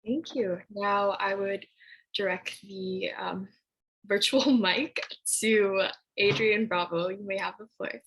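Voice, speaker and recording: A woman's voice: medium pitch, fairly even intonation, takes it slowly, fairly bright tone, husky, rough recording. A woman moderating an online panel webinar over a video call, friendly and laughing between phrases.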